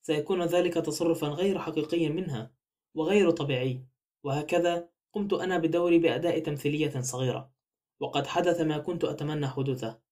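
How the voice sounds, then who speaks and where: A man reading a novel aloud as an audiobook narrator, in a steady, even way. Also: on the high side, a little fast. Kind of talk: scripted narration.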